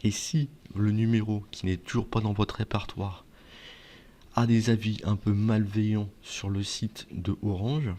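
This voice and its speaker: Speaking to viewers in a semi-scripted advice video, a man delivers his points in a flat, unhurried way. His lowish voice is mellow, and his conversational explaining often turns on questions he raises and answers.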